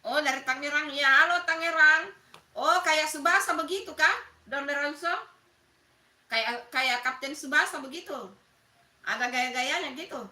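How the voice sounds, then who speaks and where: Speaking far from the mic in an echoey room, this middle-aged Makassar woman runs a relaxed live stream, greeting viewers by name, chatting and laughing a lot. Her voice sits high and bright with a forceful tone, at normal speed with frequent pauses. She has a Makassar accent and comes from South Sulawesi.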